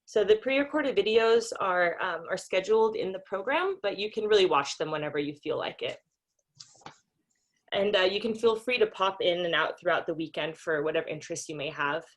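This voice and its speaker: Speaking briskly and animatedly in a fairly low voice, a conference organizer from Denmark, who grew up in Singapore and the US, opens the event over a video call on her computer microphone. She keeps things informal, laughing lightly and saying "um" a lot.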